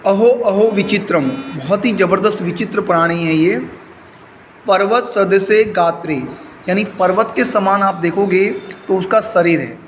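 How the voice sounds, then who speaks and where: A man with a high voice walks through a school lesson, repeating each word and its meaning in a slow, patient rhythm. The sound is dull and lo-fi, with a long reverb trailing behind him and faint noise underneath. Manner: slow, repetitive explaining, word by word. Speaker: school teacher. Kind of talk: recorded Sanskrit lesson explained in Hindi.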